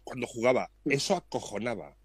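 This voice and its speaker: A man's voice: mid-range voice, expressive, brisk, slightly rough, no room sound. A man from Spain chatting jokingly and emphatically about old players, cursing casually. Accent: Spanish from Spain. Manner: jokey, emphatic, swears casually. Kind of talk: casual chat.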